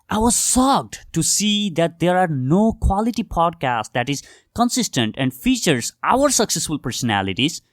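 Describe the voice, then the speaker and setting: Young man, mid-pitched, earnest solo podcast host talking to "guys", dry close sound. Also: no echo. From Nepal. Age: young adult. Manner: earnest, addresses listeners directly as "guys". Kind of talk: scripted solo podcast monologue.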